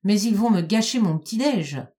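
A woman's voice: medium pitch, expressive, normal speed, mellow, lightly acted. A woman reading a storybook and voicing an arrogant male pig who has made himself the farmer, commanding and scornful. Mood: bossy.

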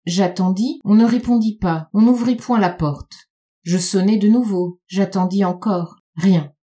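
Mellow-voiced woman reading a literary tale. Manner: measured, slows and lowers her voice on dark repeated phrases. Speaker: audiobook reader. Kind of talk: literary audiobook narration.

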